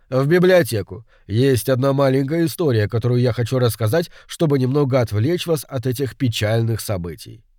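A man voicing a shrewd older male detective who speaks calmly and with quiet irony in an audiobook. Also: medium pitch, no echo, studio quality, natural voice. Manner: calm, measured, quietly ironic. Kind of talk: audiobook reading.

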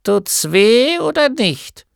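Guy putting on a high squeaky old gnome lady, bossy healer, nags and scolds, audiobook. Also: sing-song, vocal fry, dry recording, clean studio sound, full character voice. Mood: scolding. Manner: scolding, brisk and nagging. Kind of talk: audiobook character voice.

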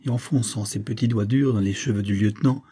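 A man narrating a classic short story aloud in a measured, even reading voice. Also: lowish voice, slightly rough. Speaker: audiobook narrator. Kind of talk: scripted literary narration.

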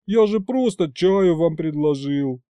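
A man voicing an excitable young man who shouts and pleads eagerly. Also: fairly high pitch, a little slow, no room sound, voice pushed up.

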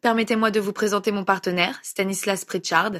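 A woman's voice: medium pitch, fairly even intonation, fairly quick, a bit bright, close to an everyday voice. Harry, a woman reading a kind young man. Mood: reassuring.

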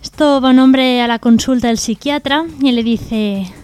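A woman trades jokes on a radio comedy show. Her voice is high and her quips are dry and playful. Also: moderate pace, a little mellow, clean tone. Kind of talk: joke-telling on comedy radio. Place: radio studio.

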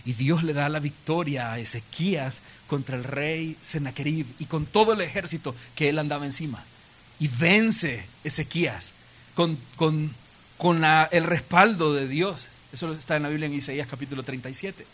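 A man delivers a church sermon. His voice sits high and bright, and he tells stories with humor, lively asides and quoted voices. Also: moderate pace. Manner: storytelling with playful asides and acted quotes. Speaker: pastor. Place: church auditorium.

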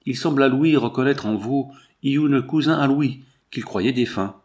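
A man's voice: medium pitch, darkish tone, lightly acted. A man voicing a polite ship steward who speaks broken French. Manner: halting, broken French phrasing.

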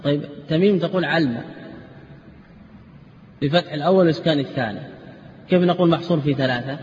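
A man's voice: fairly high pitch, quick pace, a little mellow, muffled recording, slight background noise. Man lecturing in an echoey hall. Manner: quizzes students with rhetorical questions and answers them himself; repeats and drills word forms. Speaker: Islamic scholar teaching a class. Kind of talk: classroom lecture on legal theory and grammar.

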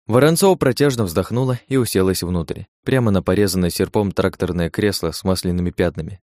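Low-voiced male audiobook narrator. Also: a little fast, darkish tone, no echo, clean studio sound. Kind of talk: scripted first-person narration.

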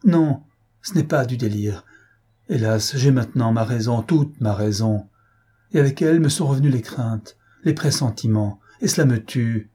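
A man's voice: mid-range voice, moderate pace, warm tone, breathy edge, natural voice. A man voicing a feverish, bedridden young man, agitated and imploring, in an audiobook. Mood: frantic.

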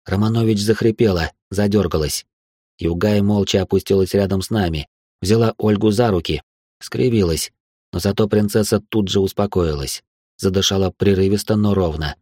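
A man narrates an audiobook in a low, steady voice. The recording is dry and close to the mic, with no room sound. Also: moderate pace, dry recording. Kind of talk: first-person audiobook narration.

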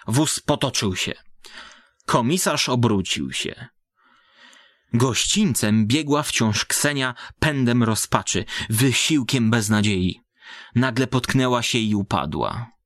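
A man reading a literary story aloud in measured, dramatic narration, voicing the characters. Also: mid-range voice, animated, a bit bright, no room sound, studio quality.

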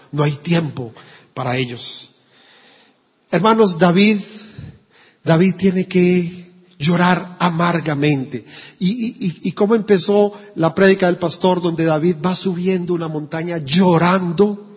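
A man's voice: high voice, breathy edge. A man preaching an emphatic sermon in church, telling a story along the way. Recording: dull echoey church recording.

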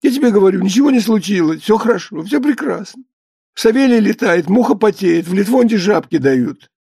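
A man's voice: moderate pace, darkish tone, dry recording, studio quality. A man reading an audiobook and voicing a timid, touchy male writer who protests in a thin, whiny voice. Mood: indignant. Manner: shrill and indignant, whiny. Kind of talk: audiobook character voice.

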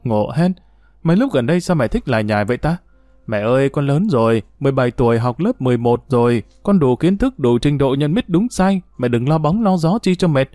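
A man voicing a sulky, defiant seventeen-year-old girl in a read-aloud story, talking back in a sharp, dismissive way. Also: mid-range voice, expressive, brisk, dry recording, studio quality, soft background music, natural voice.

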